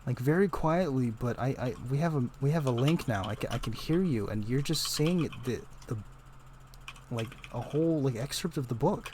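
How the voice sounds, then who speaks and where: A man voicing a sardonic spirit trapped inside a staff, with a dry, teasing, deadpan manner. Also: mid-range voice, normal speed, slight background noise, natural voice. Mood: rambling. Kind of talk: tabletop role-play voice.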